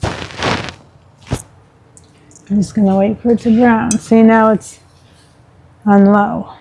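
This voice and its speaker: This home cook and vlogger has a gravelly voice on the high side and speaks very slowly as she walks through a recipe at home. Her casual cooking tutorial is chatty and relaxed, with small asides and a word to her pet mid-recipe, over a rough recording with a little hiss or hum.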